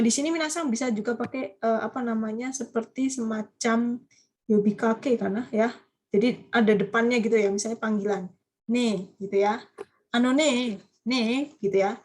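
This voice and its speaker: Lively woman teaching a class. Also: a little high. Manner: lively, coaxing students with questions, quick asides. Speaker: Japanese language teacher. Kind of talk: online class lecture.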